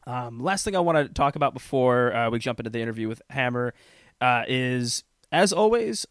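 A man hosting a podcast, telling a story in a relaxed, rambling, self-deprecating way. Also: medium pitch, normal speed, no echo, clean studio sound. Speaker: podcast host. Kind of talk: casual storytelling chat.

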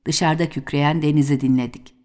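A woman podcast host reading a novel excerpt aloud in a measured, calm narration. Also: deep voice.

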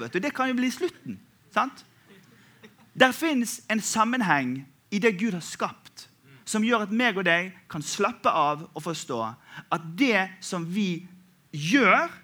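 A man in his thirties from Western Norway preaching a sermon in an animated, humorous, conversational way, often checking in with the congregation. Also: sits high. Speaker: pastor.

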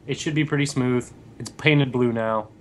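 A man's voice: mid-range voice, steady tone, moderate pace. A young man co-hosting a casual chat, talking in a rambling way with lots of fillers and restarts. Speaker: podcast co-host.

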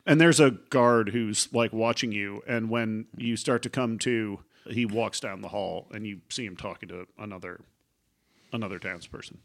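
A man improvising narration as game master of a tabletop role-playing game, often searching for his words. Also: on the low side. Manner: halting, searching for words as he describes scenes.

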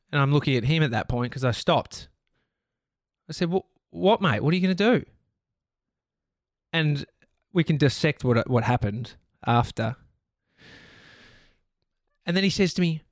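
A man's voice: medium pitch, no echo, studio quality. A man with an Australian accent hosting a podcast, telling a personal story in a candid, rambling way and swearing freely. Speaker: podcast host. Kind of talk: casual storytelling monologue.

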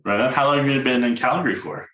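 A man's voice: medium pitch, quick pace, a bit bright, echoey room, low-quality recording. A man from Edmonton hosting a podcast, upbeat and casual, often repeating words as he talks. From Edmonton, Canada. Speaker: podcast host, realtor. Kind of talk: podcast interview.

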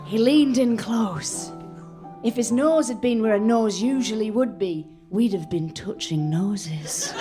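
A woman narrating an absurd comic story in a deadpan, matter-of-fact way. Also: mid-range voice. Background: music.

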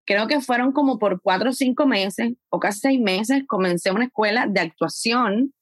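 A woman guest on a podcast, telling her story in a lively, conversational way. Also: on the high side, normal speed, no room sound. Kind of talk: casual conversation.

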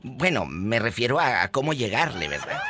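A man's voice: medium pitch, sing-song, moderate pace, heavy background noise. A man hosting a call-in podcast from Mexico, chatting playfully and teasing his caller. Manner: playful, teasing, laughs often. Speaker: radio podcast host. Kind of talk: casual call-in chat.

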